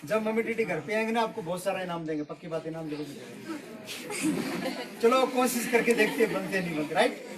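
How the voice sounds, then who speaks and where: A man's voice: sits high, expressive, a little fast. Distant, playful man, kids party magician. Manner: kids party magician: playful, teasing, asking the children questions. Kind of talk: live magic show patter for children. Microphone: far from the mouth. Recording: distant mic, noisy with clicks and birds.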